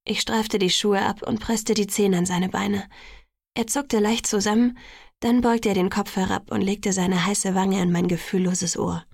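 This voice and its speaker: A woman's voice: mid-range voice, fairly even intonation, normal speed, vocal fry, a little mellow, no echo. A woman narrating a first-person audiobook in an intimate, sometimes whispered voice, close to the microphone.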